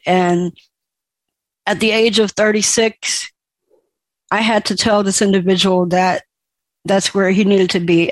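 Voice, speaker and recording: A woman recounts her own life story in a slow, unhurried way, pausing often and stopping to restart her thoughts. Her voice sits at an ordinary middle pitch and carries emotion without turning theatrical. The recording is dry and close, with no room sound around her. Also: no room sound. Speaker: speaker sharing a personal story. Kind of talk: personal testimony.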